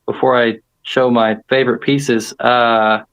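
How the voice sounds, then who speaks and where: A man's voice: mid-range voice, level tone, a little slow, a bit bright, clean tone, dull audio. Hesitant man chatting on a livestream. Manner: hesitant, repeats words, enthusiastic about coins. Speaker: co-host of a precious metals livestream. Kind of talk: casual livestream chat.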